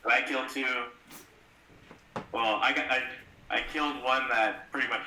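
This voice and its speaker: A man's voice: medium pitch, fairly even intonation, moderate pace, bright, forceful tone, a little hiss or hum. A man chatting casually as a player in a tabletop role-playing game. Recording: roomy, echoing sound.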